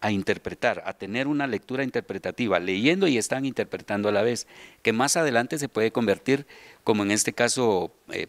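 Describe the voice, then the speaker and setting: The recording is dry as a low-voiced, middle-aged Guatemalan man gives interview answers and explanations. He works as subdirector and voice announcer for a children's radio theater and speaks into a handheld interview microphone inside a large hall with people seated.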